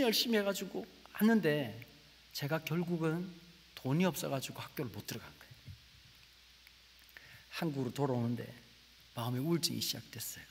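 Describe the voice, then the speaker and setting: Animated Gyeongsang-accented preacher man. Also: a little high, gravelly, a little hiss or hum. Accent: Gyeongsang Korean. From Gyeongsang region, Korea. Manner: animated storytelling, swings between loud exclamations and hushed asides. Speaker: guest preacher. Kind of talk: sermon with personal testimony. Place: church sanctuary. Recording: church hall with long reverb.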